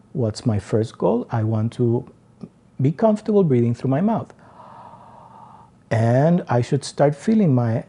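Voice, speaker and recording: A man teaching singers about breathing, explaining slowly and counting out demonstrations. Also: mid-range voice, mellow. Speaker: singing teacher. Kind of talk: vocal lesson.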